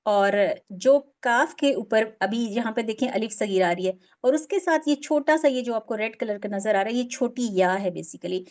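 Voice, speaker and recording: A woman's voice: fairly high pitch, moderate pace, hardly any pauses, darkish tone. Patient woman teaching Quran recitation. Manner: patient, explains step by step, stretches out example words. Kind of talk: online class teaching.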